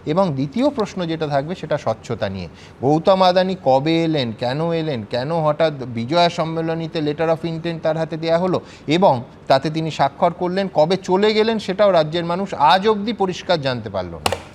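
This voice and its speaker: Pressing high-voiced male news anchor. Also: lively intonation, moderate pace, darkish tone, slight background noise. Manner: pressing, interrupts guests. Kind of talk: studio debate moderation.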